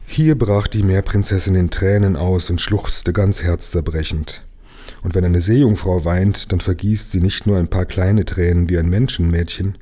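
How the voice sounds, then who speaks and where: Low, husky man reading a story. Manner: expressive storytelling. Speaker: reader of a children's book. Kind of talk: reading a story aloud to children.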